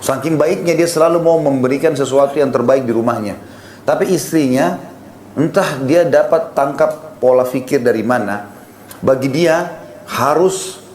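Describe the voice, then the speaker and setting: A man giving a calm, explaining sermon as a preacher, now and then acting out short everyday dialogues. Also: mid-range voice, moderate pace, roomy sound, slight background noise.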